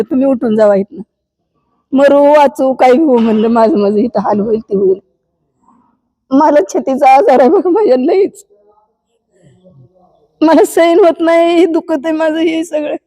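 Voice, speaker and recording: A woman's voice: high-pitched, dark tone. An elderly woman, crying as she tells an interviewer about her hard life in an old age home. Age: older. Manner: tearful, pleading rural speech. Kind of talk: emotional interview testimony.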